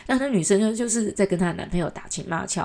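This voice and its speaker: A woman's voice: medium pitch, racing, gravelly, dark tone. A woman from Taiwan with a Taiwanese Mandarin accent, telling a story in a casual, chatty way, exasperated and full of mocking asides. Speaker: vlogger.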